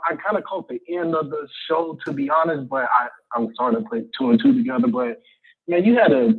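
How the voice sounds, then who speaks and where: A man's voice: a little high, vocal fry, slightly rough. A man in his thirties calling in to a radio talk show, speaking away from his phone so he sounds distant and faint, hesitant and rambling with fillers. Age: 30s. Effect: distant and faint, speaking away from the phone on earbuds. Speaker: caller. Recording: tinny phone line, faint.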